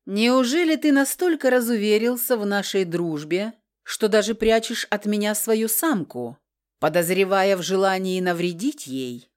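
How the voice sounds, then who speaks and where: A woman voicing a proud, sly nonhuman man who mocks an old friend in a smooth way. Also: medium pitch, normal speed, lightly acted. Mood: mocking.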